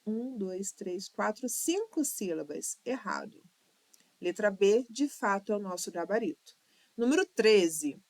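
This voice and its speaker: A Brazilian teacher patiently steps through exam questions in an online Portuguese lesson, drawling words and counting their syllables aloud. She has a mid-range, slightly mellow voice, animated but measured, recorded without echo.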